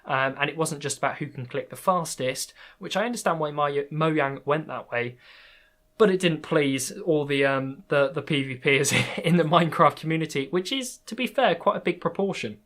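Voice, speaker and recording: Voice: medium pitch, normal speed, fairly bright tone. A podcast host in casual conversation, talking hesitantly with many fillers and restarts and laughing often.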